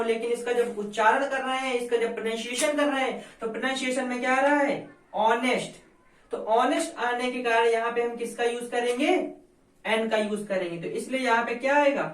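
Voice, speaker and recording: A woman's voice: a little high, a little fast. A woman teaching a grammar lesson, asking questions and answering them herself and repeating the key points. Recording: echoey room, voice from far off.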